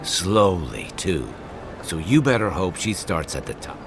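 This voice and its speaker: An actor playing a calm, dryly reassuring companion in a video game. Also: male voice, low voice, unhurried, noisy background, full character voice. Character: calm, wry male adventurer companion.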